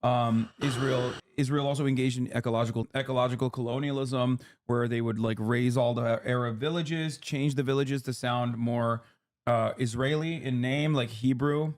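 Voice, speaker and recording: This thirty-something man holds forth on politics during a relaxed livestream, speaking quickly in lecture-like spurts that keep stalling on fillers and false starts. His voice stays at a typical middle pitch, and his tone holds steady.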